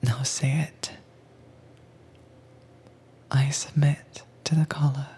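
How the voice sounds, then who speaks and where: In an intimate ASMR roleplay, a woman plays a teasingly dominant keeper of captive werewolves. Her low, very breathy whisper is soft and mellow, and she talks slowly, coaxing and commanding with calm control. The performance is heavily acted and gently commanding.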